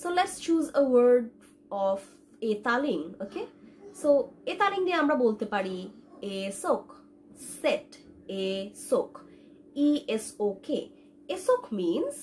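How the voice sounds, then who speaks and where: Young woman teacher, kinda high voice, repeats sounds slow and patient, bit of hiss. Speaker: language instructor. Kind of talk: online language lesson.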